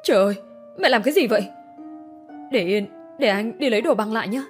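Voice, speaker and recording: A kind young man speaks softly and pleads, voiced by a woman telling the story. He comes across as a caring son and boyfriend. The voice has a middle pitch. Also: quick pace, faint music behind, natural voice. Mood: alarmed.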